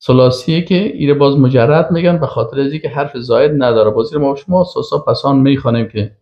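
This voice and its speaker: A male professor giving a classroom grammar lecture. He speaks, asks himself questions aloud and drawls out the example words. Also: mid-range voice. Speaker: professor teaching Arabic grammar. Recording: dull lo-fi recording.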